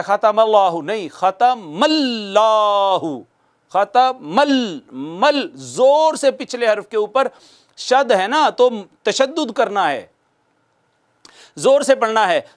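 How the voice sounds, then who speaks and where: A man's voice: very high-pitched, expressive. A man teaching a recitation class, patiently repeating sounds and asking questions that he answers himself. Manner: patient, repeats sounds slowly for students to copy. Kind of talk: recitation lesson.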